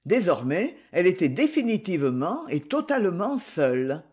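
An audiobook reader giving steady, measured narration of a literary novel. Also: mid-range voice. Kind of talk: scripted narration.

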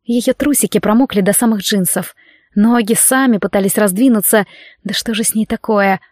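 A woman narrating a romance audiobook in an even, steady reading voice. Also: medium pitch, moderate pace, dry recording, studio quality.

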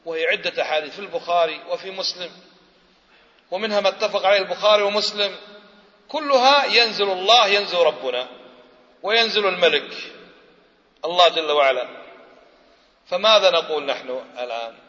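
A preacher lectures in a high, bright voice, pressing the audience with questions and answering them himself. The recording is muffled and carries the long reverb of a lecture hall. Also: male voice, lively intonation, a little fast, pauses often. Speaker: Islamic preacher. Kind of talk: religious lecture.

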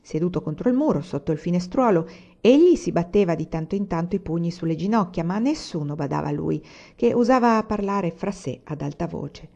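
A woman reading a classic novel aloud in a measured, even storytelling manner. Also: lowish voice, creaky. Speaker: audiobook reader. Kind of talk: literary audiobook narration.

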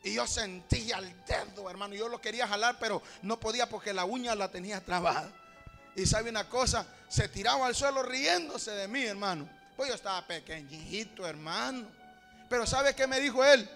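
High-pitched, with vocal fry and a moderate pace, a pastor from Honduras tells stories in a folksy sermon over background music. He repeatedly addresses listeners as brother, climaxing in shouted praise.

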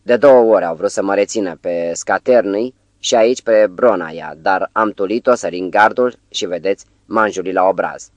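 A man reading the part of a frantic, hoarse young male poet who pleads urgently in an audiobook. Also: sits low, hardly any pauses, dry recording, lightly acted.

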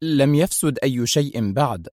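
A man's voice: mid-range voice, animated, moderate pace, darkish tone, no room sound, clean studio sound, lightly acted. A man voicing an irritable male intelligence officer who argues sharply and insistently. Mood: firm, agitated.

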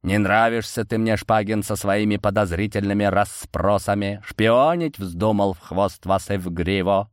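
A man voicing a gruff, grumbling male dwarf miner with a sweet tooth, in an audiobook. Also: fairly low pitch, no room sound, clean studio sound, close to an everyday voice. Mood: suspicious. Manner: gruff, grumbling, drawn-out slow speech. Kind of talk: audiobook character voice.

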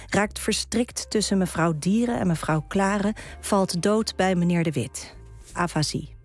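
A woman guest poet on a radio show, reading her own poem in a calm, measured way with deliberate pauses and talking about it in a studio. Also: on the low side. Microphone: studio microphone.

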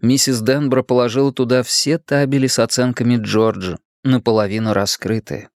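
A man narrates a novel at a steady, measured pace. His mid-range voice sits close to the mic with almost no room sound. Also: mid-range voice, dry recording. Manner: reads character lines in raised, stammering voices. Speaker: audiobook narrator. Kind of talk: scripted narration.

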